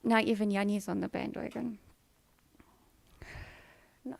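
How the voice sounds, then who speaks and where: Speaking at a medium pitch with a steady, creaky, somewhat dark tone, this streamer takes her time as she chats soothingly with viewers. Her manner is playful as she responds to comments, though she turns firm with repeated refusals.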